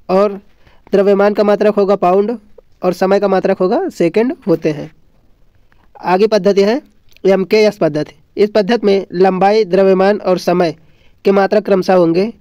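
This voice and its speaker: A man with a high, mellow voice teaches an exam lesson from notes, repeating points didactically and answering his own questions. The recording is dull and lo-fi with a roomy echo.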